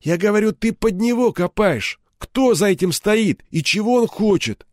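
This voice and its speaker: A man's voice: a little high, lively intonation, moderate pace, darkish tone, dry recording, studio quality, pitched above the performer's own voice, lightly acted. A man voicing a hardened male ex-cop turned criminal enforcer, who talks in a cold, threatening, mocking way. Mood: menacing.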